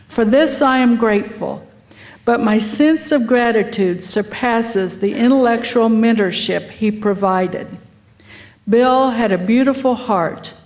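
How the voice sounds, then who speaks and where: At a memorial gathering in an art center, a woman reads a tribute and speaks to those present. Her voice is a little high and darkish in tone, with a measured pace.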